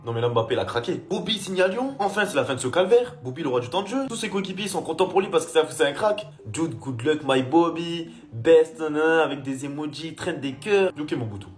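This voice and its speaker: A man's voice: fairly high pitch, expressive, brisk, hardly any pauses. A man doing casual football commentary in a slangy, mocking, teasing way. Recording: faint music behind the voice.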